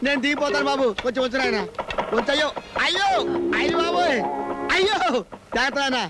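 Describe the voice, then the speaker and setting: A squeaky high whiny comedy dude, all panic, film music under him. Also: male voice, lively intonation, quick pace. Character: excitable panicky man, fussing and wailing. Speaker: comic lead in a film.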